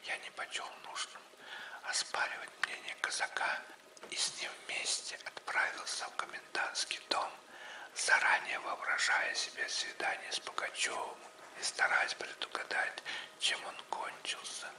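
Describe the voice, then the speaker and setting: A man's voice: measured pace, pushed and bright, reverberant, rough recording. A man reading an audiobook as whispered ASMR narration, speaking very close, right in your ear. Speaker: audiobook reader.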